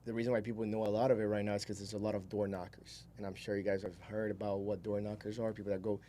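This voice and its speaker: Here the young Brazilian solar salesman, a podcast guest in his twenties, rambles through his story in a loose, laid-back way and chuckles while talking. His delivery is flat and quick, his voice fairly low and warm, with slight background noise.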